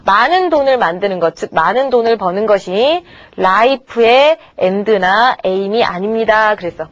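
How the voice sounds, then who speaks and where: A woman's voice: mid-range voice, lively intonation, a little slow, no room sound, muffled recording. A woman teacher giving a grammar lecture to middle-school students, chatty and coaxing, checking in with her class again and again. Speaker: English teacher.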